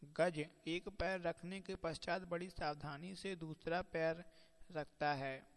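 A man gives a careful lesson, speaking slowly and with deliberate emphasis. His voice sits a little high for a man. It rings out with a long reverb, as if he is in a large hall. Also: fairly even intonation. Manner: measured, slows to chant quoted verses. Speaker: teacher. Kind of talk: lecture on Sanskrit pronunciation.

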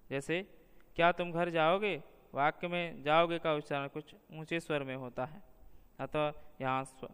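Male teacher, measured read-aloud lesson, very resonant voice, reverberant room. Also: mid-range voice, fairly bright tone, clear, resonant tone. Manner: measured, slows down to spell out example words. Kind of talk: reading a linguistics lesson aloud.

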